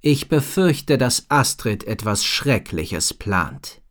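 A man reading a storybook and voicing a worried, wise female head sorceress who speaks slowly and gravely. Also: mid-range voice, big pitch swings, a bit bright.

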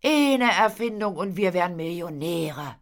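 Woman doing a dreamy sighing kid voice, high, storybook. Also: expressive, moderate pace, a bit bright. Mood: wistful.

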